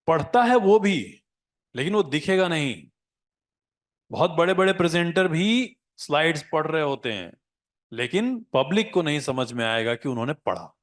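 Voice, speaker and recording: Male teacher, slightly high voice, coaching tone, switches between Hindi and English. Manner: mixes Hindi with English phrases; coaching, asks "है ना?" to check in. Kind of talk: live class lecture.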